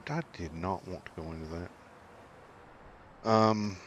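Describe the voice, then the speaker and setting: A man's voice: sits low, slow pace, lo-fi sound, a little hiss or hum. A middle-aged man hosting a farming game video, rambling and ranting in casual commentary with lots of fillers and restarts. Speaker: gaming channel host.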